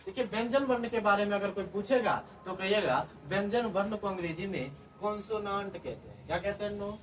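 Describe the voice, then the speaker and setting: High-voiced teacher drilling questions. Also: male voice, a little fast, fairly bright tone. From Bihar, India. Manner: repeats questions and answers in a drilling call-and-response way. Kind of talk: classroom-style grammar lesson. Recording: distant mic with faint background noise.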